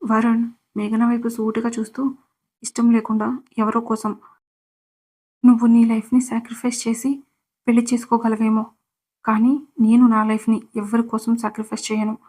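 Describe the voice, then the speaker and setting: A woman's voice: a little high, completely flat delivery, moderate pace, long pauses, darkish tone. A woman narrating a serialized romance story, reading every character's lines in much the same voice.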